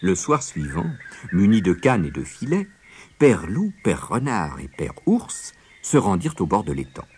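Man telling a lively children's tale. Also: sits low, unhurried, a little hiss or hum. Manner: expressive, lively storytelling. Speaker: storyteller. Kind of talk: children's story narration.

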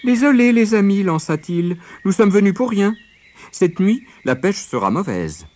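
A man voicing a mischievous little male rabbit trickster in a storybook, teasing and excitable. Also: sits high, measured pace, pitched above the performer's own voice. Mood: sly.

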